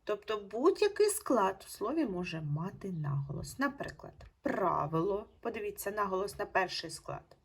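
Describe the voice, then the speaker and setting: A woman teacher giving a recorded online lesson to young pupils, speaking in slow, patient, clearly spaced instructions. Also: medium pitch, big pitch swings. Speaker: primary school teacher.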